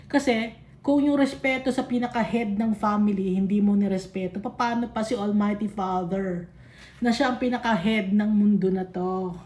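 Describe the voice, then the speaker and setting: A woman's voice: medium pitch, steady tone, moderate pace. Chatty woman scolding gossip, echoey room. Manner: chatty and scolding, mimics gossip in a hushed voice, laughs often. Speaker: bible study teacher. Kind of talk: casual taglish bible study talk.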